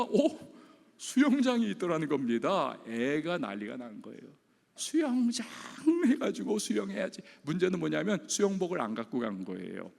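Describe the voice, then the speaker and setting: A man's voice: on the high side, gravelly, in a large hall. A male pastor preaching a sermon in a church, telling stories animatedly and acting out the people in them. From South Korea. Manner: animated storytelling, acting out voices of people in the story. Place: church sanctuary.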